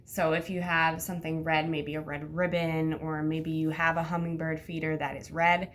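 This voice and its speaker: A woman's voice: sits low, level tone, normal speed, a bit bright, a little hiss or hum. A woman teacher talking like a kids show host to young children, with simple sing-song instructions and counting aloud.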